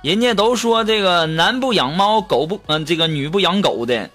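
A man hosting a show, reading listener jokes in a lively, teasing comic way. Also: high-pitched, moderate pace. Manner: lively, teasing, acts out quotes. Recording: music playing behind.

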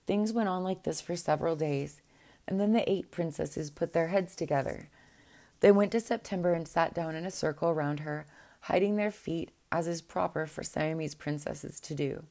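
A woman narrating a fairy tale in a measured way, with small restarts. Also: low-pitched, dark tone.

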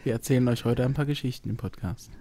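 Guy hosting a podcast, mid pitched voice, loose jokey chat, easily amused. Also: quick pace, warm tone, no room sound. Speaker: podcast host. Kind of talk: casual chat.

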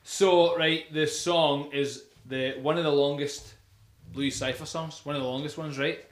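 A man's voice: on the high side, fairly even intonation, measured pace. Rambling young man in an echoey room. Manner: rambling, enthusiastic, many fillers. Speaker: podcast host. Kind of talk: casual chat about music.

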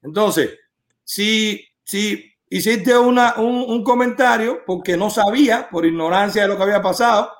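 A man's voice: sits high, normal speed. A man hosting a live stream, arguing insistently and lecturing a caller point by point.

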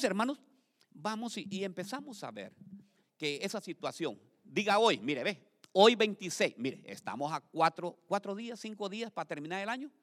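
A man preaching a sermon to his congregation, speaking to them directly, asking them to repeat after him and building to loud emphatic peaks. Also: high-pitched. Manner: addresses congregation directly, calls for repetition. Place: church. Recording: long reverb of a hall.

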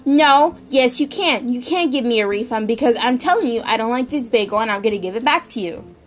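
A woman's voice: sits high, normal speed, pitched above the performer's own voice, natural voice. A woman voicing a rude, impatient woman customer at a bagel counter, whiny and demanding. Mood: insistent.

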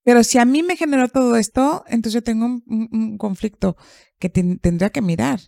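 A woman psychologist, calmly explaining and asking rhetorical questions in a podcast conversation. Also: a little high, brisk, gravelly, dry recording, clean studio sound. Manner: calm, explanatory, asks herself rhetorical questions.

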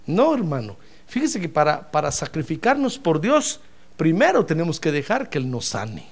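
A man preaching a sermon as pastor, animated and acting out the voices of his congregants. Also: a little high, moderate pace.

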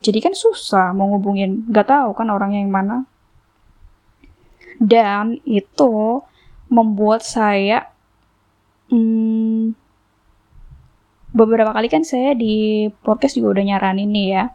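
A woman's voice: slow pace, pauses often, mellow, dull audio. A woman, hosting a podcast and casually telling a story to her listeners. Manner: chatty, acts out quoted exchanges in a higher voice. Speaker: podcast host.

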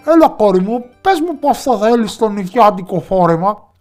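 A man voicing a boastful, ragged goblin father in a storybook tale, calling out loudly and coaxingly. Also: high voice, lively intonation, faint music behind, pitched above the performer's own voice. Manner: loud coaxing calls.

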